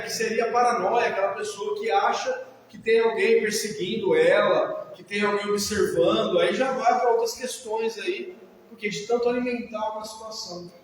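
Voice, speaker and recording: A mental health professional with a Brazilian accent lectures an audience about the mind in a didactic way, his voice high for a man. He repeatedly asks his listeners short questions to check they're following. He's picked up from a distance in a big, very echoey hall with a long reverb tail and faint background noise.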